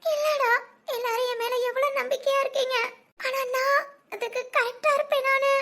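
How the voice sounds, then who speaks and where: A very high, squeaky cartoon voice of a teenage girl, played by a woman. She hesitates, stammers and sniffles as she confides. It is a tender family-cartoon delivery. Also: steady tone, moderate pace, sharp tone, heavily acted. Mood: tearful, anxious. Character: anxious teenage girl, confused by love. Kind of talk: cartoon voice acting.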